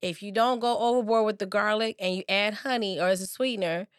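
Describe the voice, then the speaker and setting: A woman's voice: mid-range voice, a little fast, clean tone, dry recording, studio quality. A woman co-hosting a casual food chat like a cooking show host, giving plain-spoken practical advice in a conversational, teasing way. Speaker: podcast co-host.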